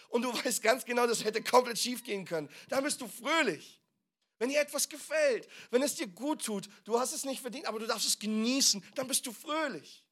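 A man preaching a sermon as pastor, asking the congregation questions and stressing key words loudly. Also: very high voice. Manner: preaching with sudden loud emphasis and rhetorical questions.

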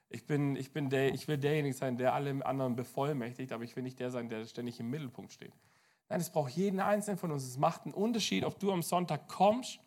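A man preaching a lively sermon as pastor to his church, swinging between loud and soft. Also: fairly high pitch.

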